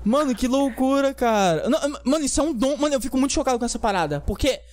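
Casting: young Brazilian man, high voice, excitable frat-bro podcast host, heavy slang, casual chat. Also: quick pace.

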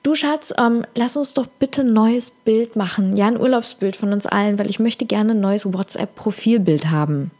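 A woman's voice: mid-range voice, normal speed, few pauses, a little mellow, close to an everyday voice. A woman voicing a mother on holiday who sweetly coaxes and pleads with her husband. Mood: coaxing. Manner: sweetly coaxing, needy.

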